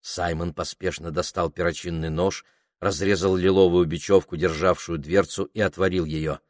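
A man narrating a children's storybook in an expressive reading voice. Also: sits low, normal speed, no room sound, clean studio sound. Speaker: audiobook reader.

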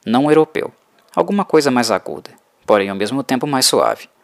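A man reading an audiobook in an even, measured way. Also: mid-range voice, gravelly, no room sound, clean studio sound. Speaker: audiobook narrator. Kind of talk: scripted narration.

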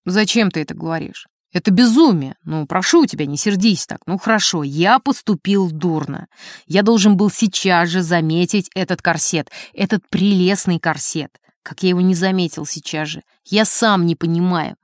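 A woman's voice: on the low side, normal speed, no room sound, clean studio sound, close to an everyday voice. A woman reading as a husband who coaxes and pleads with his angry wife. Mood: pleading. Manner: coaxing, pleading. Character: fawning, pleading husband, a gentleman. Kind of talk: audiobook character reading.

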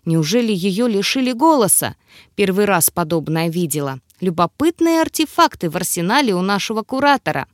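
A woman narrating a fantasy audiobook with expressive, wry storytelling. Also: medium pitch, fairly quick, dry recording, clean studio sound. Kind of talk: scripted narration.

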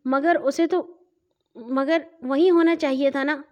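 A woman's voice: high voice, fairly even intonation, darkish tone, lightly acted. A woman playing a drowsy, grumbling father. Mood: sleepy. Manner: drowsy mumbling.

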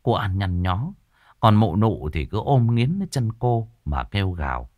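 A man's voice: lowish voice, big pitch swings, moderate pace, a little mellow, no room sound. A man narrating a ghost story expressively and dramatically.

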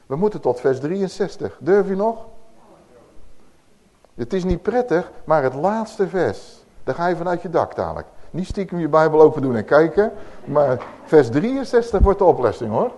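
An older man preaching a sermon in speech, swinging from loud declaiming to soft tender asides. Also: on the high side, big pitch swings, normal speed.

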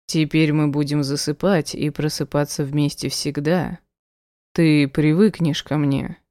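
A woman voicing a tender, teasing male werewolf in an audiobook, speaking softly, slowly and in a hush. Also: sits low, flat delivery, dry recording, clean studio sound. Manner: soft, slow and hushed. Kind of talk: audiobook character voice.

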